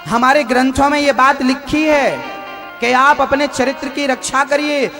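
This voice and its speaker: A man's voice: extremely high pitch, fairly even intonation, unhurried, pushed and bright, soft background music. A man preaching a devotional sermon, asking rhetorical questions and repeating phrases for emphasis.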